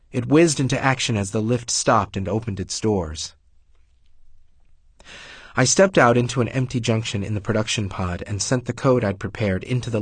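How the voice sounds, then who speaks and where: Husky man reading a story aloud. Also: lowish voice, no echo. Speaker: audiobook narrator. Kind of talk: scripted first-person narration.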